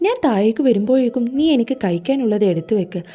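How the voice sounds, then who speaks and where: A woman's voice: fairly high pitch, animated, quick pace, mellow. A woman voicing a stern, commanding young husband who gives curt orders in a storybook reading, over faint music.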